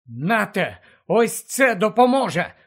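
A man's voice: sits high, very animated, slow pace, voice pushed up, full character voice. A man voicing a panicked teenage boy wizard, pleading and crying out in desperation. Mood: desperate pleading. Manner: pleading, frantic shouting. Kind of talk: audiobook character voice.

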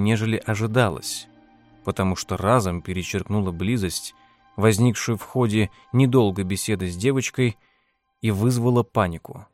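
A man narrating an audiobook in a steady, measured reading style. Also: fairly low pitch. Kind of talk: scripted narration.

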